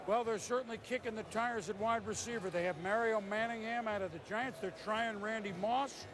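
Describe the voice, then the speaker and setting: A man's voice: sits high, fairly even intonation, brisk, noisy background. A man hosting live sports draft commentary. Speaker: sports broadcast host.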